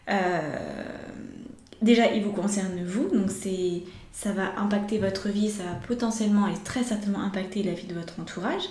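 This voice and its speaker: A woman's voice: mid-range voice, darkish tone. A woman giving a tarot reading to her viewers, speaking reflectively and addressing them directly with frequent hesitations. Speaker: tarot reader. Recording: echoey room.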